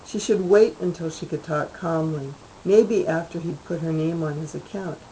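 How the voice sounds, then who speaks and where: Author lady reading her short story, kinda low voice, slow and even. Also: slight background noise, rough recording.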